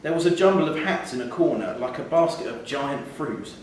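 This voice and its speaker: Reading a literary short story aloud at a live theatre event indoors, a man speaks fairly quickly in an expressive, slightly high voice. The mic is placed far away, so the audio sounds very echoey with a bit of faint noise.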